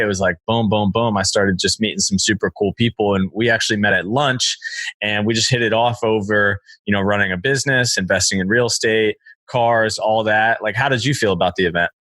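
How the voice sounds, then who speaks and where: A man's voice: on the low side, sharp tone. Upbeat young male podcast host. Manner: upbeat, casual slang. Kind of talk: casual podcast interview. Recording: music bed behind voice.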